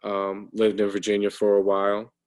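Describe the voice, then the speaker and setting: A man's voice: on the low side, monotone, normal speed, darkish tone, poor audio. A man in his thirties, a guest talking casually over a video call, hesitant, with many ums and restarts. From United States. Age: 30s.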